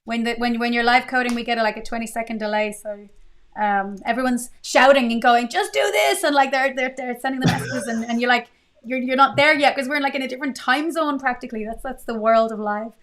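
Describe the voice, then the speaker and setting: A woman's voice: on the high side, fairly even intonation, fast talker, a bit bright. A woman hosting a live-coding stream, thinking aloud in a casual, chatty way with fillers and restarts.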